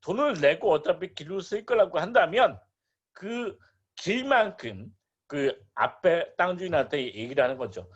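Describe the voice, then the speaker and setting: A man giving an online real estate lecture, animated and asking rhetorical questions with playful asides. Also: a little high, unhurried, slightly rough, dull audio.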